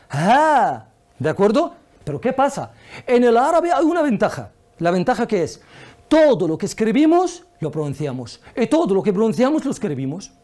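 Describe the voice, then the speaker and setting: Woman teacher, patient one-on-one drills, bright animated delivery. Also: on the high side. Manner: patient, drills words slowly and asks questions. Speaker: Arabic teacher. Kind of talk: one-on-one language lesson.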